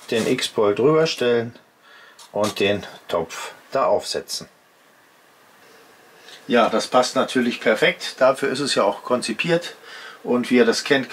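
His voice is mid-range and a bit bright, with slight background noise behind it. This fifty-something host of an outdoor gear channel chats informally from his home workbench, walking viewers through each step as he shows it.

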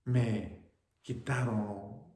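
A man's voice: steady tone, extremely slow, echoey room. A man voicing a young wounded soldier speaking to his mother, speaking Spanish with a Mexican accent. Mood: quiet. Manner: quiet and low, then proud and raised. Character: young wounded soldier, son, brave and selfless.

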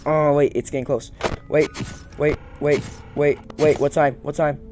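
Beside a plain wall in an indoor room, a young gaming video host mutters through casual commentary, repeating phrases over game music. His voice is fairly high, with little pitch movement, and he speaks a little slowly.

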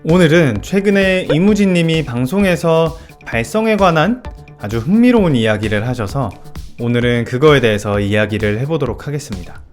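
Male vocal coach, fairly high, very animated intonation, methodical lesson delivery. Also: moderate pace, soft background music. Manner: clear, methodical explaining with technical terms.

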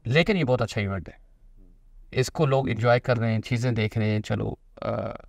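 A man's voice: mid-range voice, moderate pace, vocal fry, a little mellow, no room sound. A man, hosting a casual cricket chat in a small studio and talking emphatically. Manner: talkative, emphatic, gesturing. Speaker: show host, cricketer and actor.

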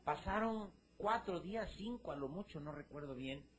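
A man's voice: on the high side, lively intonation, moderate pace, heavy background noise. A man with a Mexican accent telling a crude, slangy joke with casual asides. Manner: profane slangy storytelling with asides. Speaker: joke teller.

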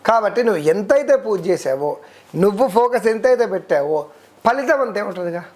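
A man, a devotional guest explaining worship rules in a steady, teacherly way, listing terms one by one. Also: high voice, brisk. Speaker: devotional guest speaker on ritual. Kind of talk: explanatory interview talk.

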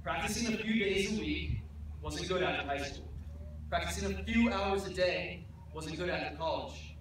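High-voiced and fairly bright in tone, a young man speaks at a moderate pace while delivering an earnest, self-deprecating commencement address on an outdoor stage. His podium mic is heard through a noisy, echoing PA, recorded from far off.

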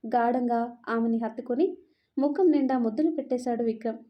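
A woman telling a romance story as scripted narration, with an even, expressive storytelling manner. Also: on the high side, fairly quick. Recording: dull lo-fi narration recording.

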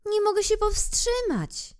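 Bashful little boy prince, high and soft, woman voicing him. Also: sing-song, unhurried, heavily acted. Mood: timid. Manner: timid and bashful.

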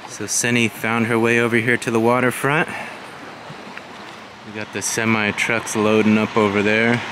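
A man in his forties narrates a casual walking vlog along a waterfront, his low-leaning voice steady in pitch at a moderate pace. Captured on a handheld camera mic, the recording is very noisy, with loud wind and outdoor ambience.

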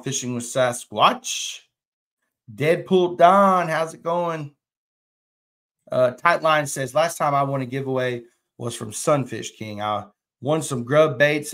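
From a small indoor room with a plain wall, a Texas fishing channel host in a mid-range, fairly bright voice chats casually on a live stream. His drawling talk centers on reading viewers' comments aloud.

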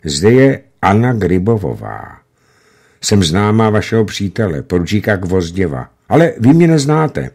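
A man voicing an anxious young woman on the telephone in a read-aloud story, his voice pushed high and pleading. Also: big pitch swings, darkish tone. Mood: reserved.

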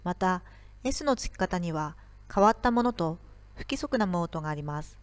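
Woman teacher, slow careful explanations. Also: on the low side, expressive, clear, resonant tone, dry recording. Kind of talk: recorded video lesson.

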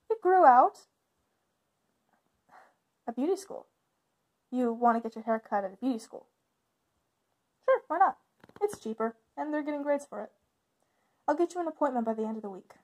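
In an ASMR roleplay, a voice actor plays a protective big sister from a witches' coven, her high voice a little mellow. She talks casually and slightly haltingly in conversational acting, staying caring, helpful, and reassuring toward her younger sibling.

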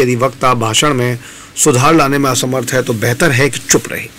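A man presenting a campus radio lesson on pronunciation, talking in a measured, explanatory way and stressing each example word. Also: mid-range voice, a bit bright. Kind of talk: instructional talk on pronunciation.

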